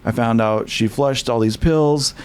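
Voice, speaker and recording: A man's voice: mid-range voice, unhurried, clean tone. A young man, a podcast guest from California, telling his story candidly with many restarts and fillers.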